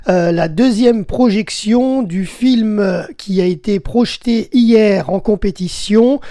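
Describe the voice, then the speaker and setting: A man's voice: high voice, warm tone, no room sound, clean studio sound. A man hosting a radio podcast, reading out the day's festival programme with many fillers and restarts. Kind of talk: daily festival programme rundown.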